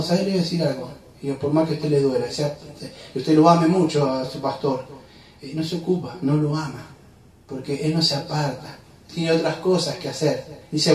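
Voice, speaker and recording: A man, preaching a fervent sermon that swings between emphatic outbursts and quiet asides. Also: fairly high pitch. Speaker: pastor. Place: church hall. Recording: roomy church hall, mic at a distance.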